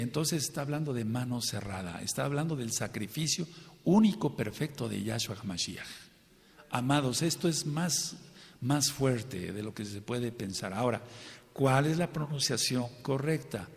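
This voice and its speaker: A man's voice: mid-range voice, expressive, normal speed, vocal fry. A man preaching a teaching sermon to a congregation, stressing and repeating key points and asking his listeners questions. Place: congregation hall. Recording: long hall reverb.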